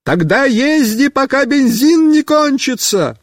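A scatterbrained young boy in a storybook shouts his answers at full voice, high-pitched and leaping all over the place, as a man puts him on. The voice is close and dry, with no room sound. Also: animated, takes it slowly, no room sound, full character voice. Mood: shouting, excited. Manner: shouting across a yard. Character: excited young boy Mishka, loud and scatterbrained.

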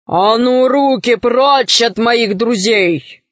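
A protective young hero warrior, voiced by a woman reading a tale aloud. He speaks in a firm, commanding way, on the high side. The sound is dry. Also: slow pace, dry recording.

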